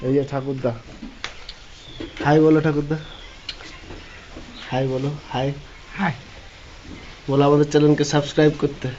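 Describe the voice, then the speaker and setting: A man's voice: fairly high pitch, little pitch movement, measured pace, pauses often, dark tone. Chatty man vlogging on a phone. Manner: chatty, rambling with many restarts. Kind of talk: casual home vlog. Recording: dull lo-fi phone audio with faint noise.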